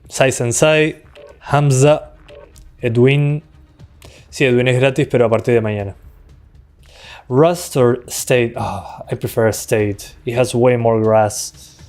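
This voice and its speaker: An easygoing Uruguayan man in his 20s, whose first language is Spanish, streams a shooter and gives casual live commentary as a tech streamer. He speaks at a medium pitch into a desktop USB microphone, relaxed and chatty, answering chat between fights while faint game gunfire plays in the background.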